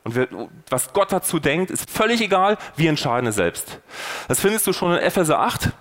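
A man's voice: on the high side, very animated, brisk, a bit bright. A man hosting a faith podcast, preaching earnestly and putting rhetorical questions straight to the listener. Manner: earnest and persuasive, rising and falling for emphasis. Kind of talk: sermon-style podcast talk.

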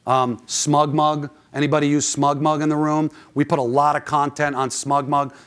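A man's voice: on the high side, level tone, moderate pace, fairly bright tone, clean tone. A man presenting informally to an audience as a conference speaker, conversational and often posing questions to listeners. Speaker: conference speaker, club manager.

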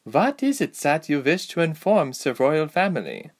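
A cold, formal mermaid princess, put on by a male narrator. Her voice rises slightly above his own, measured and stiff. She sounds aloof and commanding. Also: a little high, very animated, pitched above the performer's own voice. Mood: formal, haughty.

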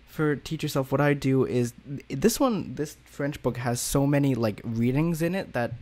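A man's voice: medium pitch, lively intonation, moderate pace, darkish tone, slight background noise. Chatty man co-hosting a podcast. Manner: chatty, rambling, laughs easily. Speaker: podcast co-host. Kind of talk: casual chat.

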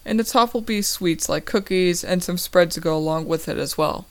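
A woman's voice: lowish voice, moderate pace, natural voice. A woman voicing a friendly, joking teenage boy with magic powers in a read-aloud story.

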